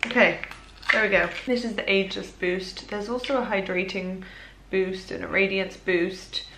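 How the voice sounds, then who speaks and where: A woman's voice: medium pitch, steady tone, moderate pace, noisy background. Groggy hungover woman vlogging. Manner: chatty, self-mocking, drops to murmurs and whispers. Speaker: lifestyle vlogger. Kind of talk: casual vlog chat to camera.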